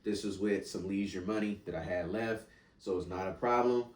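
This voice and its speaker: A man in his thirties, congested with a cold, rambles through a relaxed, chatty sneaker review from home. His deep, stuffy voice moves at a moderate pace and sounds roomy, as though he's far from the mic.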